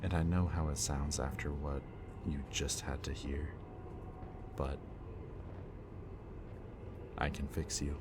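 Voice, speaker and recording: Speaking slowly and pausing often, a young adult man plays a remorseful, bitter villain confessing to the listener in an audio roleplay. His voice stays low and intimate, occasionally dropping to a whisper, while steady ambient noise runs underneath.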